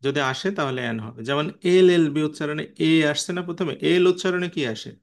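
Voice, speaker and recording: A man's voice: on the high side, brisk. A man with a slightly raised voice, teaching an online class. He explains patiently and often puts questions to his students by name. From Bangladesh.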